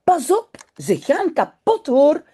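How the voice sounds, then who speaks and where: A woman's voice: lowish voice, huge pitch swings, takes it slowly, darkish tone, exaggerated voice. A woman voicing a proud little girl in a read-aloud children's storybook, with a lilting storybook voice. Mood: worried.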